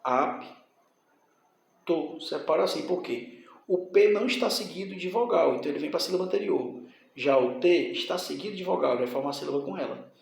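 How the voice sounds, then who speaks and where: A man's voice: a little high, fast talker, creaky, very echoey. A man teaching a grammar lesson, explaining step by step and checking in with his students. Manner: explains step by step, often asks "tá?" and "certo?".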